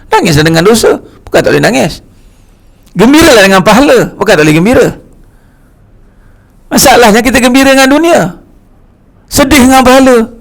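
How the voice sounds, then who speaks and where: Male religious teacher, high gravelly voice, lively and joking, acts out little scenes in his sermon.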